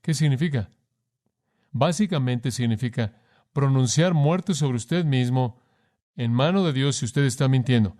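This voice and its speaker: A man's voice: medium pitch, measured pace, mellow. A man delivering a sermon as a preacher, speaking emphatically and putting rhetorical questions straight to his listeners. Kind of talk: sermon, voiced in Spanish.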